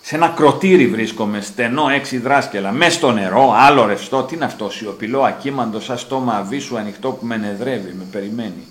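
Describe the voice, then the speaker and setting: A man's voice: medium pitch, hardly any pauses. A man reading his own literary prose aloud, with dramatic rising emphasis on repeated phrases. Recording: roomy echo, faint ambience.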